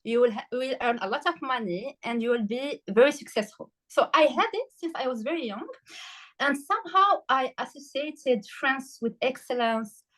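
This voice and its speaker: A woman from Morocco, a health coach and podcast guest, talking through her story with many pauses, fillers and restarts, and some emotion. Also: sits high, lively intonation, fairly bright tone, poor audio. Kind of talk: casual interview conversation.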